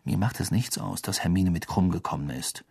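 A calm teenage wizard who speaks quietly and low. A soft, level aside in an audiobook. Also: a little fast, vocal fry, slightly rough, no echo, clean studio sound, full character voice. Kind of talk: audiobook character voice.

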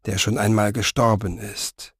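A man voicing a calm, fearless fire-juggler in an audiobook, quiet and unmoved. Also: lowish voice, unhurried, slightly rough, no room sound, clean studio sound, pitched below the performer's own voice.

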